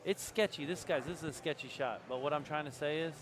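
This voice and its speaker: A man's voice: fairly high pitch, fast talker, noisy background. A man in his forties commentating live pool, giving tips to amateur players in a coaching tone. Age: 40s.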